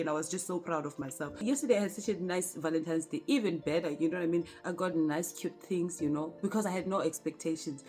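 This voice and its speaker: A South African woman telling a personal story in a casual vlog. She talks straight to her viewers and laughs often. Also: medium pitch.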